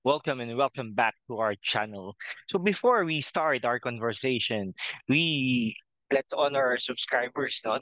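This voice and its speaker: A middle-aged Filipino-accented man hosts his own casual political commentary vlog, rambling slowly and haltingly with fillers, tagging nearly every phrase with a questioning "no?" and occasionally clearing his throat. His voice is mid-range and fairly bright. The sound is close, dry, and rough.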